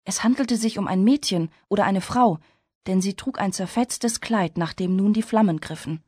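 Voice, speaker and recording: A woman reading a story aloud in steady, measured scripted narration. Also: medium pitch, slightly rough, no echo, clean studio sound. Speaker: audiobook narrator.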